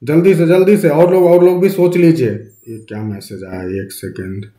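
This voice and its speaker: Male literature teacher, higher voice, live class in a roomy echo, coaxing and quizzing. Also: normal speed, very noisy. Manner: coaxing, quizzes students, mixes English terms into Hindi.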